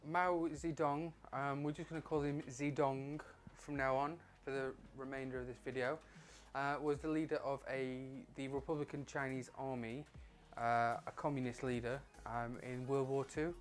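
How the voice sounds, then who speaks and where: A man's voice: medium pitch, little pitch movement, moderate pace, few pauses. A man hosting a vlog, talking in a loose, chatty, offhand way with lots of fillers and the odd swear word. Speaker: vlog host. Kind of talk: casual rambling commentary.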